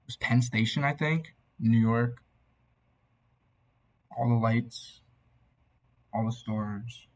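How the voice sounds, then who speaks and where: A young man giving a casual, tipsy album reaction in a loose, meandering, slightly husky way. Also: medium pitch, fairly even intonation, slow pace, pauses often, a little mellow. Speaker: amateur music reviewer.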